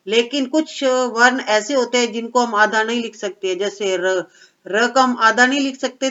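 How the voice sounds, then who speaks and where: Woman teacher going step by step for little kids, kinda high voice, patient, dull lo-fi audio. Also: a bit bright. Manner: patient, step by step, checks "ठीक है" often. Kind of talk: worksheet lesson for children.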